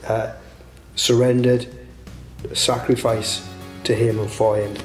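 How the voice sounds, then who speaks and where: A man's voice: medium pitch, flat delivery, slow pace, music in the background. A man leading a church Bible study, preaching with chatty, self-mocking asides. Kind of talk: sermon. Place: church hall. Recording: echoey church room.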